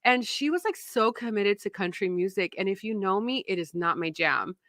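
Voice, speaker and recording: A woman in her thirties hosting a podcast, animated and laughing as she tells stories. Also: medium pitch, moderate pace, no room sound, studio quality. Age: 30s. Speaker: podcast host and founder. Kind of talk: casual podcast chat.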